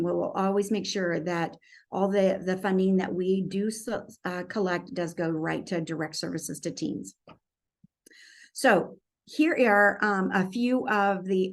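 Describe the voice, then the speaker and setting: A woman giving an earnest conference presentation about a youth program, speaking with frequent ums and restarts. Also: medium pitch.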